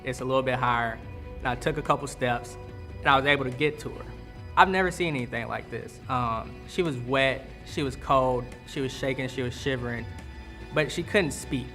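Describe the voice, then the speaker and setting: A news cameraman telling, in a halting and reflective way, how he waded into floodwater. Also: medium pitch, a bit bright, soft background music. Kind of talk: recounting in a documentary interview.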